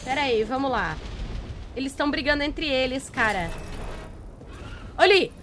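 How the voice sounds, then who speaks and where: High, bright Brazilian woman gamer. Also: moderate pace, slight background noise. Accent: Brazilian Portuguese. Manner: excitable, exclaiming and laughing in despair. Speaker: gaming YouTuber. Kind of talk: live gameplay commentary.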